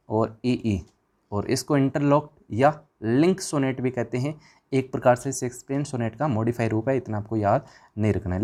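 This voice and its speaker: Man, exam revision teacher, asks and answers himself, chatty, mid-pitched. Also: a little mellow. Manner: chatty, informal with students.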